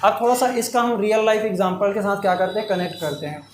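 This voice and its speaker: Speaking at a quick pace in a high-pitched voice, a middle-aged man teaches math by questioning his students and answering for them in a call-and-response manner. The classroom is echoey, with a faint hiss audible.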